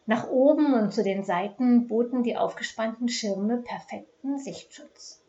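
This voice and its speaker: A woman reading a crime novel aloud in a measured, dramatic way. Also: fairly high pitch, warm tone. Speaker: audiobook narrator. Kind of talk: scripted crime novel narration. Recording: dull lo-fi recording.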